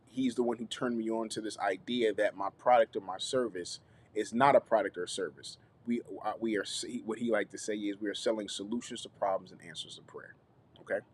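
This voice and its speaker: Male content coach, live stream host, energetic and repetitive, talks straight to the audience. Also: lowish voice, a little hiss or hum. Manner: animated, repeats phrases, checks in with viewers. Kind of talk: YouTube live teaching session.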